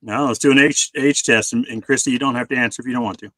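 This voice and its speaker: A man's voice: medium pitch, steady tone, fast, a bit bright, dry recording, rough recording. A man in his forties chatting casually on a video call, rambling with many fillers and restarts. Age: 40s.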